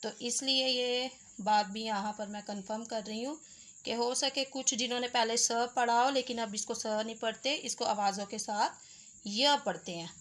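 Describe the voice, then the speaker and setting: A woman's voice: on the high side, steady tone, moderate pace, a bit bright. A woman teaching Urdu letters step by step, patiently sounding out each letter with its vowels. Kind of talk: slow step-by-step lesson.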